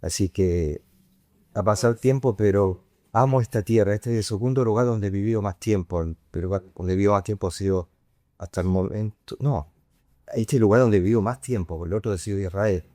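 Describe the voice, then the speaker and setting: A man's voice: fairly low pitch, brisk, mellow, no echo, clean studio sound. A man, a priest giving an informal retreat talk in a conversational way that often ends on a questioning tag. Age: 50s.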